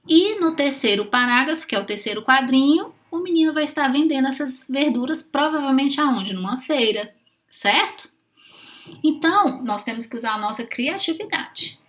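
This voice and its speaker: A woman's voice: sits high, lively intonation, normal speed, a bit bright. A woman teaching young children how to write, speaking patiently and often checking in with short questions. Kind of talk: children's writing lesson.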